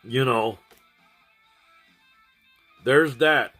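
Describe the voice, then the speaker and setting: A man's voice: medium pitch, very slow, sharp tone, soft background music. A man chatting casually to his livestream audience, rambling and often restarting and repeating his phrases. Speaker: streamer.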